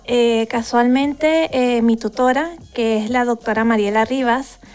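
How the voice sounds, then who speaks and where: Hesitant Venezuelan woman, slightly high. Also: clean tone. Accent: Venezuelan Spanish. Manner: hesitant, many fillers. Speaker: guest researcher. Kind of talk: podcast interview.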